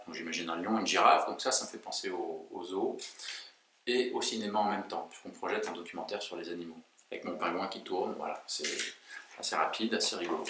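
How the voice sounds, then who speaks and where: Animated man in an echoey room. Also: lowish voice. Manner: animated, self-mocking storytelling. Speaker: memory coach, video host. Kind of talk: memory lesson with told jokes. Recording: very echoey room, mic far off.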